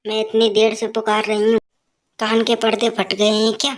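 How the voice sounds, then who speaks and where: A woman's voice: a little high, completely flat delivery, moderate pace, lightly acted. A woman voicing a harsh, scolding old mother-in-law in a cartoon story, with nagging taunts.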